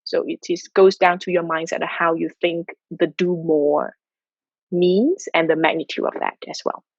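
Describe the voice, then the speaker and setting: A woman's voice: on the low side, steady tone, normal speed, creaky, husky, dry recording, dull audio. A woman from Malaysia speaking as a guest on a video call, giving earnest, motivational answers about mindset and habits. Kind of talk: online talk answering questions. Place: home in Tokyo.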